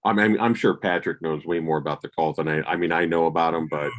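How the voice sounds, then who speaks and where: Brief: male podcast co-host, very deep voice, laid-back anecdotal storyteller with casual cursing. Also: steady tone, quick pace. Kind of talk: casual chat.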